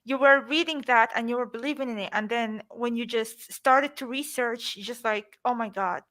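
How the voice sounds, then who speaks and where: A woman's voice: fairly high pitch, moderate pace, a bit bright. A woman hosting a livestream, asking short sympathetic follow-up questions in casual chat. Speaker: livestream host.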